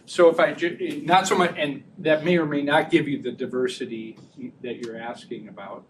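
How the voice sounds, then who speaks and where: A man giving an academic research talk and taking audience questions, chatty and relaxed, laughing easily and often restarting sentences. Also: on the high side, moderate pace. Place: lecture room. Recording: distant mic with faint room noise.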